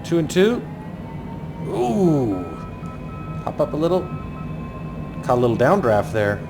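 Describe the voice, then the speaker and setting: A man's voice: fairly high pitch, very animated, takes it slowly. Man narrating a landing approach over music. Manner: thinks aloud in clipped aviation jargon. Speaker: flight simulator pilot narrating. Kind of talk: running commentary on a flight approach.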